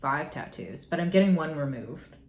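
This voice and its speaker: A low-pitched, animated young woman speaks at a normal speed while answering get-to-know-me questions on her casual YouTube vlog. The American creator rambles, hedges a lot, and adds sarcastic, deadpan asides. There is faint noise and an echo from the room.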